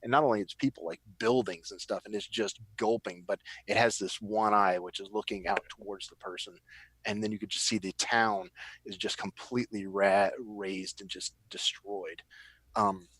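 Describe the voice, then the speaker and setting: A man's voice: fairly low pitch, steady tone, moderate pace, fairly bright tone, husky, dry recording. A man narrating as game master, describing scenes in a rambling way with frequent restarts.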